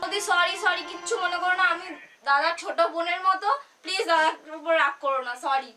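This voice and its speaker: Over background music, a young woman with a West Bengal Bengali accent plays a prank call, accusing and insisting with theatrical drama. She speaks fairly quickly in a very high voice that sounds pushed and bright.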